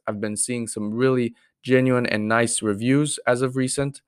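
A man with a smooth, mid-range voice hosts a podcast, opening the show and interviewing a guest. He speaks earnestly and reflectively, using many fillers when putting questions to the guest. The sound is clean studio audio with no room sound.

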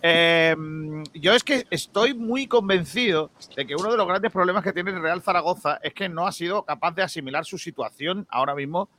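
A man hosting a lively football debate, insistent and quick to argue back. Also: high voice, slight background noise. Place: studio in Málaga.

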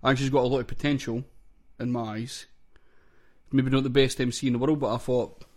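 A Scottish man talks as the host of a laid-out review chat. His pitch is average and his manner is informal, with casual wording and some swearing. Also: little pitch movement, brisk, a little mellow. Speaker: host of a hip hop review show.

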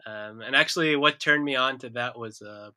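Guy chatting, super bright tense voice, laid back, jokes on himself. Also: medium pitch, normal speed, no room sound. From Israel. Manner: relaxed, self-deprecating, chuckles often. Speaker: guest musician. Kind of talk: casual interview chat.

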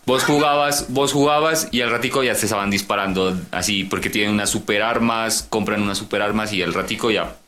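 A man's voice: lowish voice, a little fast, hardly any pauses, sharp tone. A man co-hosting a casual podcast chat, laid-back and slangy. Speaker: podcast co-host.

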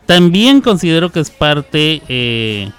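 A man hosts a casual radio show, joking and reading listener messages aloud. His voice sits a little high and sounds smooth and resonant. Faint music plays behind him. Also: big pitch swings, takes it slowly, a bit bright. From Mexico. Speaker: radio host.

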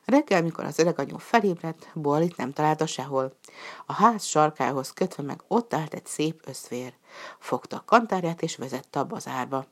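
Her voice sitting low, a woman calmly reads a folk tale the way one reads a storybook, lifting her pitch when the characters speak.

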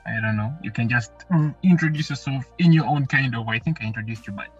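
Husky podcast host with a lo-fi sound. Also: male voice, mid-range voice, fast, soft background music. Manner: rambling, repeats himself. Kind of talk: casual interview.

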